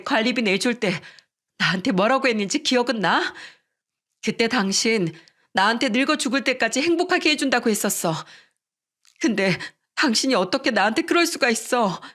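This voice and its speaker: A woman's voice: on the high side, expressive, moderate pace, a bit bright. A woman voicing an ill young wife who reproaches her cruel husband in a dramatized story. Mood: reproachful. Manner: pleading, reproachful. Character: sick young wife, hurt and defiant.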